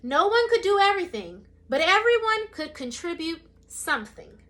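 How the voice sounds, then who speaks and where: At a normal pace and in a very high voice carrying a little hiss or hum, a young adult woman reads from a children's picture book. She voices each character differently, keeping the reading expressive.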